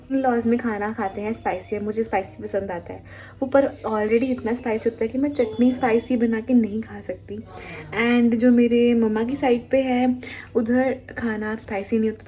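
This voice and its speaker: A young woman from India talks casually through her day for her vlog, mixing in bits of English. Her voice sits slightly high, and she sounds relaxed at home. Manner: chatty, mixes English phrases into her talk; softly whispered, quiet talk. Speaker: vlogger. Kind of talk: casual daily vlog chat.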